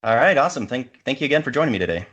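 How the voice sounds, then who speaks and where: A man's voice: mid-range voice, very animated, racing, fairly bright tone, slightly rough, dull audio. A man guest-hosting a casual podcast interview, asking questions in a polite, appreciative way.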